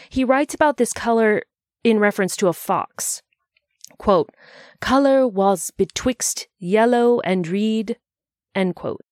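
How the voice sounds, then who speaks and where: A woman's voice: medium pitch, no echo, clean studio sound. A woman narrating a scripted explainer in a bookish, conversational way, with wry asides.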